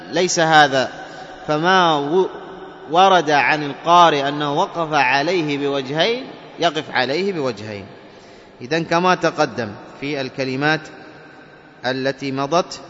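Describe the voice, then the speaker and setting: Guy teaching quran recitation, kinda high voice, chants the verses slow, echoey muffled room w faint hiss. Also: a bit bright. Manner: explains slowly, asks and answers his own questions, chants verses. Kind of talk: tajweed lesson with chanted examples. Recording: dull reverberant hall recording with faint noise.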